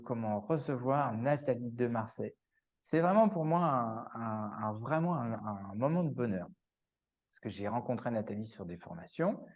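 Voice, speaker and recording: A man's voice: medium pitch, a little mellow. A man hosting an interview show, introducing his guest with enthusiasm and some fillers. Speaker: podcast host.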